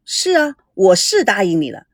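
A man's voice: high voice, huge pitch swings, moderate pace, no room sound, studio quality. A woman voicing a teasing older brother who runs a TV program.

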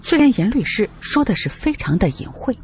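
A man's voice: very high voice, very animated, brisk, darkish tone, slight background noise. A male narrator telling a first-person adventure story in a dramatic, colloquial way.

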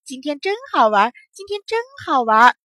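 Woman doing a gleeful, shrill little boy. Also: very animated, brisk, bright, forceful tone, no room sound, heavily acted. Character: mischievous playful little boy, loves games.

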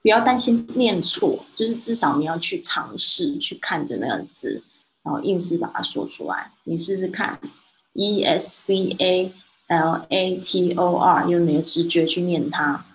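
A woman's voice: fairly low pitch, lively intonation, low-quality recording. Patient woman coaching English pronunciation. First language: Mandarin. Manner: patient, corrective, models words slowly. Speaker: English teacher.

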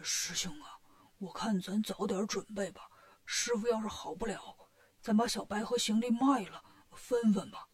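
A woman's voice: fairly high pitch, normal speed, a little mellow, natural voice. A woman voicing a greedy, lazy male pig disciple who sounds sly and whiny.

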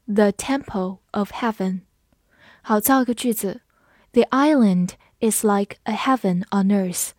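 Woman teacher going over english words real slow, dry close sound. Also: fairly high pitch, a little mellow, no echo. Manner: spells words letter by letter, repeats slowly. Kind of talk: vocabulary lesson.

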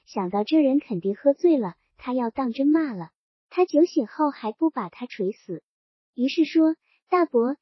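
A woman reads a novel aloud as narrator, keeping a steady storytelling pace through the scene. Her voice is high and a little breathy. The recording is dry and somewhat dull, with no room sound. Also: dry recording. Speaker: audiobook narrator.

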